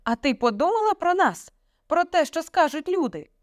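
A woman voicing a stern, domineering middle-aged father who shouts and sneers at his daughter in a read-aloud story. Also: very high voice, very animated, normal speed, no room sound, studio quality, pitched above the performer's own voice. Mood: scornful. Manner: shouting, sarcastic, commanding.

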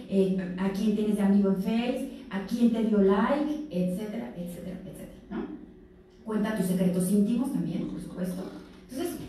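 A woman's voice: mid-range voice, warm tone. A woman with a Mexican accent giving an informal talk to teenagers, acting out the voices of the people she quotes. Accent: Mexican Spanish. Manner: conversational, acts out quoted abusers and victims. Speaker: speaker at a health fair talk for teens. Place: event room. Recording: very echoey room, distant mic, faint noise.

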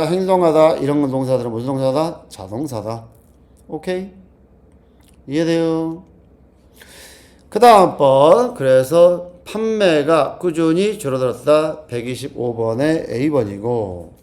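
Man, exam-prep teacher, mellow warm tone, somewhat high pitch, drills with rhetorical questions. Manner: drilling, repeats key phrases, asks rhetorical questions. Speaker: TOEIC English teacher. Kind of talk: lecture.

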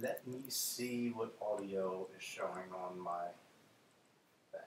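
A man's voice: low voice, takes it slowly, recorded from a distance. Man with an echoey, cave-like sound. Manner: chatty, talks to viewers while fiddling with audio settings. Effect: echoey, cave-like room sound. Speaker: livestream host cooking breakfast. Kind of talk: casual livestream chat while cooking. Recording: roomy echo, off-mic, faint noise.

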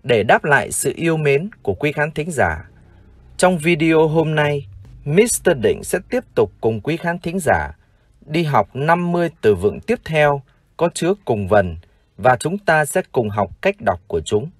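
Slow, lively-pitched Vietnamese male teacher. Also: no echo, studio quality. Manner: formal, addresses "dear viewers", repeats words slowly for practice. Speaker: English teacher. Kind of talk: slow, formal vocabulary lesson.

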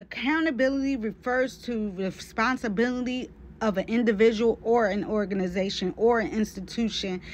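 A woman's voice: fairly high pitch, moderate pace, a little hiss or hum. A woman reading a letter aloud and reacting with blunt, scolding commentary. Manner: blunt, scolding, talks straight to the person addressed. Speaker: commentary vlogger.

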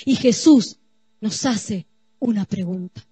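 A woman's voice: medium pitch, slow, dark tone, husky, dry recording. A woman pastor preaching a sermon, addressing the congregation directly with emphatic, repeated phrases. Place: church.

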